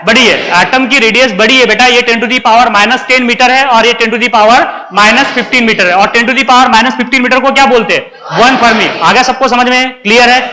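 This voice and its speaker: A man's voice: extremely high pitch, pushed and bright. A man teaching chemistry in a classroom, often asking the class questions and then answering them himself. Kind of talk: classroom lecture.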